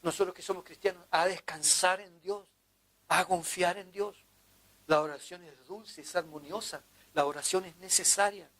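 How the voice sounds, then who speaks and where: A man's voice: high voice, fairly even intonation, moderate pace, fairly bright tone. A man preaching a sermon as pastor, in an impassioned, pleading manner.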